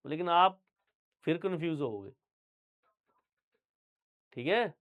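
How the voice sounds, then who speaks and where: A man's voice: a little high, animated, slow, narrow, tinny audio. Punjabi man teaching a lecture. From Punjab, India. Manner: talks straight to students, repeats "theek hai" often. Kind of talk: online lecture.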